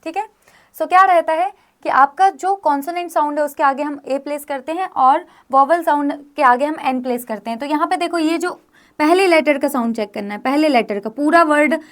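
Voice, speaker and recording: Lady teacher, fairly high voice, keeps asking "theek hai?" as she explains. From India. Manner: frequent check-in questions to students. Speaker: grammar teacher. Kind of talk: explanatory classroom lesson.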